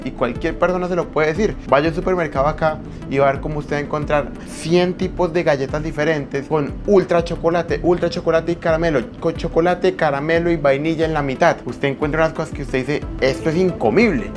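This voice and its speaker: Guy, youtube explainer, punchy and emphatic, bit high voice, soft music under it. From Colombia. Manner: emphatic, addresses the viewer directly with formal usted. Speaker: YouTube host. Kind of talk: explainer video commentary. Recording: faint background music.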